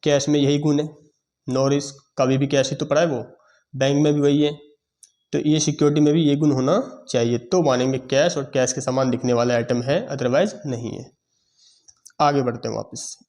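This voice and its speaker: A man teaching accounting in a lecture, explaining step by step and checking in with his students. He has a sore throat and often clears it. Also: medium pitch, fairly even intonation, moderate pace, a little mellow. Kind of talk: classroom lecture.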